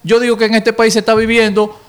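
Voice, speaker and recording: Man co-hosting talk radio, slightly high voice, argumentative and rhetorical. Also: monotone, clean tone. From Dominican Republic. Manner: argumentative, rhetorical, measured emphasis.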